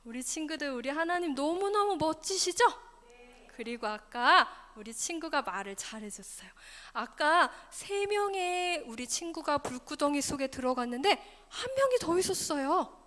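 A woman's voice: high-pitched, moderate pace. A woman teaching a preschool Sunday school class, telling a Bible story with gasps, whispers and questions to the children. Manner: animated, gasping, dropping to whispers, questions to children. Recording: echoey hall with faint music.

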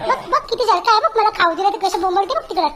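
A woman's voice: extremely high pitch, very fast, crowd noise, voice pushed up. A woman voicing her pampered young male pet dog, who whines and tattles to his mom, complaining and jealous.

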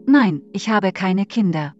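An actress playing a self-willed female android assistant who talks in a calm, smooth, assured way. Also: mid-range voice, a little slow, lo-fi sound, faint music behind. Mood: cool, assured.

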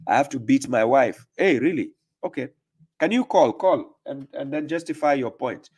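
A man's voice: medium pitch, expressive, moderate pace, a little mellow, slightly rough. A man hosting a live call-in religious debate stream, pressing his caller with repeated questions. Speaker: livestream host. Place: small room indoors.

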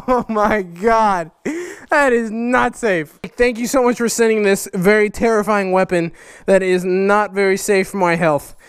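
A woman hosting a casual vlog, opening fan mail excitedly, swearing and laughing a lot. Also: medium pitch, moderate pace, clear, resonant tone, dry recording, clean studio sound. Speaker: motovlogger host.

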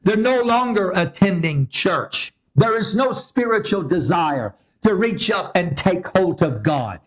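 A man preaching a sermon as pastor, emphatic and repetitive in his delivery. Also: sits high.

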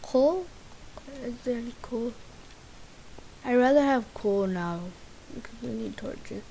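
A woman hosting a game channel, giving chatty let's play commentary that swings between muttered asides and sudden excited squeals. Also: fairly high pitch, unhurried, creaky, a little hiss or hum, low-quality recording. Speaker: gaming channel host.

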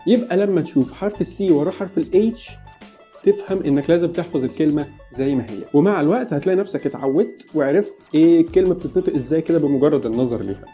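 A man's voice: fairly high pitch, racing, warm tone, faint music behind. A man with an Egyptian accent giving a casual English pronunciation lesson, chatty and joking as he talks straight to the viewer. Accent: Egyptian Arabic.

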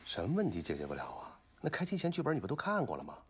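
A man's voice: lowish voice, huge pitch swings, rapid-fire, exaggerated voice. An actor playing a pushy male film director who presses his cast to get the scene shot. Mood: pressing. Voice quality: raspy. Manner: pressing, then shouting orders. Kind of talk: film drama acting.

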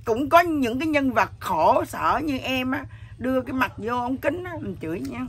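Middle-aged woman, husky ambiguous voice, blunt earthy storyteller. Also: sits high, expressive, normal speed. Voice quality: husky voice that sounds neither male nor female. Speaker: interviewee. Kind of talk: candid emotional chat.

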